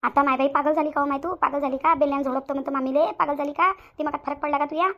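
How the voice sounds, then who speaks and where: A woman plays a pleading sister-in-law in a cartoon who coaxes gently. Her voice is high and quick, on a slightly lo-fi recording. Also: fairly even intonation. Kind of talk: cartoon voice acting.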